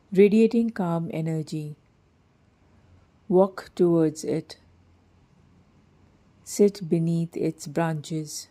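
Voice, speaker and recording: With gentle, measured phrasing, a woman reads a guided meditation script very slowly and soothingly. Her voice is soft, mellow, and somewhat low.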